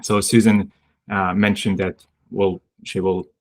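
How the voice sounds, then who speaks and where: A man presents over a video call, speaking slowly and unhurriedly. His voice sits fairly low, and he hesitates often, restarting phrases as he goes. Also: level tone. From Lithuania. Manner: hesitant, many fillers and restarts. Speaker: guest speaker, sports medicine doctor. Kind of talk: webinar presentation.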